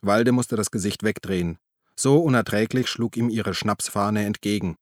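A man narrates an audiobook in a calm, even storytelling manner. His voice sits low. The recording is close and dry, with no room sound. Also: normal speed, dry recording. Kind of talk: scripted narration.

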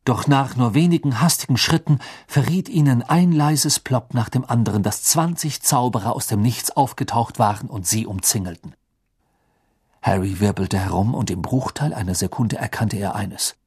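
An audiobook reader narrating a fantasy novel with expressive, dramatic storytelling. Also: mid-range voice, moderate pace, husky.

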